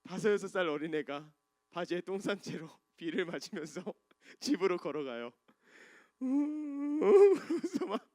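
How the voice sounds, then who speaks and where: A man preaching a sermon as a pastor, telling a story from his childhood, swinging from hushed moments to loud climaxes. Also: on the high side, no room sound, studio quality. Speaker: pastor and worship leader.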